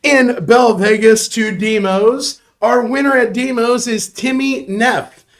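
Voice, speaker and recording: High-voiced jokey male giveaway host. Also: takes it slowly. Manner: jokey and upbeat, with chuckles and asides. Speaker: host of a bar prize giveaway show. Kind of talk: casual live-show hosting.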